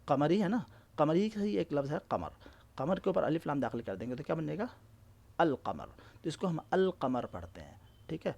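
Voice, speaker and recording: A man teaching an exam-prep lesson, explaining slowly, spelling out letters one by one and often checking that his listeners follow. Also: a little high, animated, vocal fry, a little mellow.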